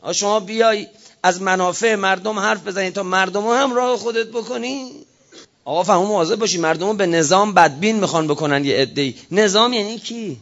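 A high-pitched man delivers a fervent religious sermon. He swings from quiet, drawn-out phrases to passionate raised cries and breaks into prayers. The recording sounds dull and lo-fi. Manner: impassioned, rising to shouts and dropping low. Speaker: preacher.

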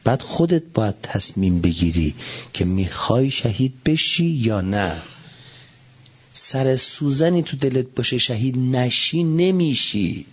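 A middle-aged man preaches to listeners in a husky, slightly breathy voice. He is animated, rising to loud emphatic lines and dropping to low, soft asides. The recording is dull and lo-fi. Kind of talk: religious talk to an audience.

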